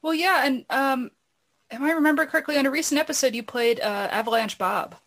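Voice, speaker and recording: A woman's voice: high-pitched, fairly quick, a bit bright. A woman chatting casually and discursively, often padding her thoughts with "you know". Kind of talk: casual chat.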